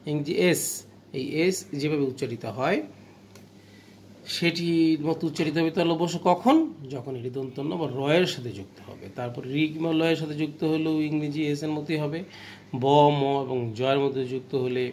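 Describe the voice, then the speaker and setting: A male teacher with a Bangladeshi Bengali accent works through a grammar lesson, explaining slowly, repeating the rules, and putting questions to the class. His voice sits on the high side, with slight background noise.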